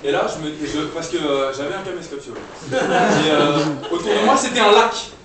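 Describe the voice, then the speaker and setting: A man's voice: a little high, animated, fairly quick, over a noisy crowd. A young man doing improvised stand-up comedy with the audience, talking in a loose, chatty way with many fillers and restarts, heard from a distant mic on a live stage. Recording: distant live room mic, strong echo, noisy.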